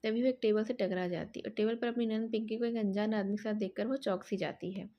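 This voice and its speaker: A woman narrating an audio story in a calm, steady reading voice. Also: mid-range voice, brisk, lo-fi sound.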